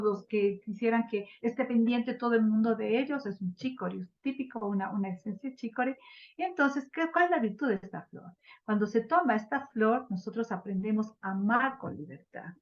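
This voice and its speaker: A woman teaching a flower therapy class, lively, often acting out the people she quotes. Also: fairly high pitch. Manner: lively, acts out quoted people in changed voices. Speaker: instructor of a flower therapy workshop. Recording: dull lo-fi class recording.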